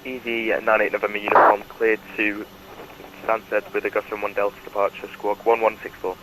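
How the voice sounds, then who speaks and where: A man's voice: on the low side, monotone, moderate pace. Man over a noisy pilot headset radio. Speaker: flight sim pilot on air traffic radio. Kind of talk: radio readback phraseology.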